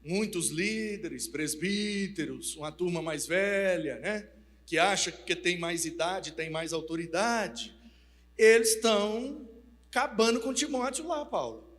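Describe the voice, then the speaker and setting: Brief: man playing a worried messenger reporting trouble, high voice, echoing hall. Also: a little slow, a bit bright. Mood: concerned. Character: male church worker bringing worried news. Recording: reverberant church hall.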